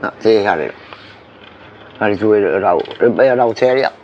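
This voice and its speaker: A man telling a story in a casual, halting way, full of fillers and curses. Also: fairly low pitch, expressive, a little mellow. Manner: rambling and halting, many fillers and profanity. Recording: dull recording with faint background noise.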